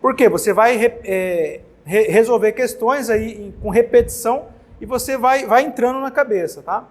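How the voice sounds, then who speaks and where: Man, Brazilian Portuguese accent, high voice, exam-prep grammar teacher, casual, repeats himself. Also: normal speed. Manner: casual, repeats words and checks in with "tá?". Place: classroom with whiteboard.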